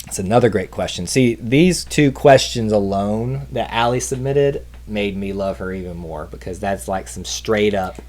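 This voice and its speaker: A trivia show co-host with a Southern accent chats on a casual livestream, enthusiastic and rambling, often trailing off and interrupting himself to restart. His lowish voice is a little mellow, moving at a moderate pace with hardly any pauses.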